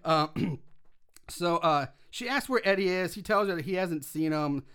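Man, movie recap podcast, casual chatter, high voice, bright tone. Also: a little slow, clear, resonant tone. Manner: chatty, laughs often, swears casually, many fillers.

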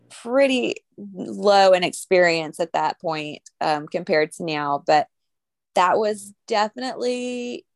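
A woman's voice: medium pitch, no echo. A young adult woman co-hosting a podcast, telling stories in a chatty way with fillers and laughs. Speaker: podcast co-host. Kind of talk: casual chat.

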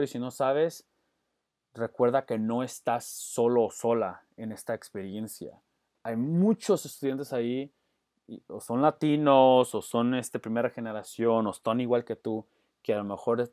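A man's voice: medium pitch, a little mellow, no room sound, clean studio sound. Earnest man mixing English into Spanish. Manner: earnest, mixes English into Spanish, frequent restarts. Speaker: guest, educator. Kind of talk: casual interview answer.

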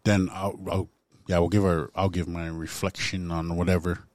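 A man's voice: low voice, little pitch movement, normal speed, a little mellow, no room sound. A man co-hosting a podcast in casual chat, agreeable and easygoing. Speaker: podcast co-host.

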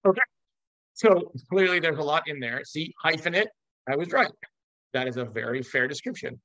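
A man's voice: a little high, animated, normal speed, fairly bright tone, no echo, low-quality recording. An American man from Los Angeles hosting a casual interview, talking in an expansive, emphatic way. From Los Angeles, USA. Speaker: interview host.

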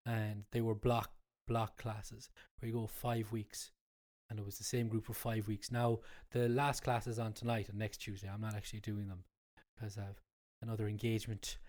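A guest who's a cook and cookery class instructor, this Irishman from Cork sounds congested from a cold. His voice sits on the low side, flat and a little mellow at normal speed, and in casual conversation he explains things, often going over his points again.

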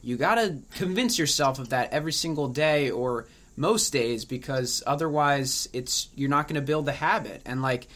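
A man's voice: medium pitch, moderate pace, hardly any pauses, fairly bright tone. A man in his late twenties chatting casually and reflectively, full of "like" and "you know what I mean". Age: late 20s. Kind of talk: casual conversation.

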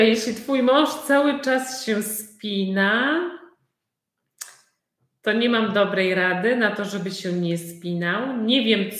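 Woman teacher, very slow, simple repeated questions, echoey room. For a language-class host. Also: mid-range voice. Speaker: Polish conversation teacher. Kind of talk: live online conversation class.

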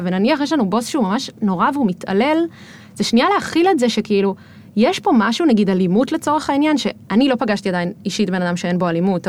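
Fast reflective woman on a podcast. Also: mid-range voice. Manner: reflective, talks fast with many fillers. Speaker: podcast guest. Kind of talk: casual podcast conversation.

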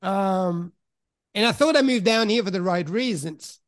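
Born in Italy and raised in Switzerland, this middle-aged podcast guest tells candid stories about his past in a frank, reflective way, stopping now and then to find the right words. His voice is high and animated, recorded dry and close without any room echo.

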